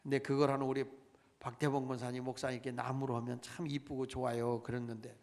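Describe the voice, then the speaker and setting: A man's voice: mid-range voice, little pitch movement, fast talker, darkish tone. A middle-aged male pastor preaching a sermon, calling out to his congregation and pressing each point with dramatic emphasis. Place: church sanctuary. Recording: long church reverb.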